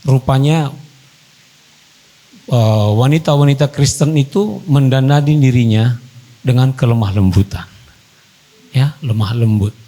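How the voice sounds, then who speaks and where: A male pastor giving a wedding sermon to a couple. He repeats key phrases for emphasis and moves between quiet counsel and raised preaching. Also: mid-range voice, measured pace, long pauses, low-quality recording.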